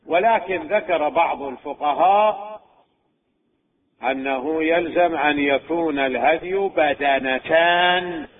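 A man delivers a scholarly lecture on religious law, slow and deliberate, putting questions to his listeners and answering them himself. His voice sits somewhat high for a man. The recording is thin and tinny, like a phone line.

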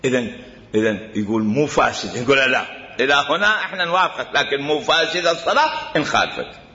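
A man's voice: mid-range voice, lively intonation, fast, pushed and bright. A man with an Iraqi Arabic accent teaching a jurisprudence lecture, emphatic and repeating his points. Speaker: religious studies teacher. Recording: roomy hall reverb, dull lo-fi.

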